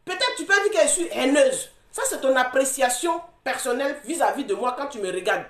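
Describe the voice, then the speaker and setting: A woman with a high, lively voice argues in a confrontational, repetitive way, often breaking into mocking laughter. Her voice swings widely in pitch. She sounds like she is in an echoey room. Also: brisk. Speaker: social media commentator. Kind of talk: heated live argument.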